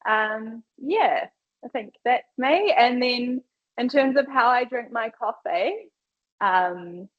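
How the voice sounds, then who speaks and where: A woman's voice: on the high side, animated, slow. A woman with a New Zealand accent, introducing herself on a webinar panel in an upbeat, chatty, casual way. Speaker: customer experience and field sales manager. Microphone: video call. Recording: dull lo-fi video call audio.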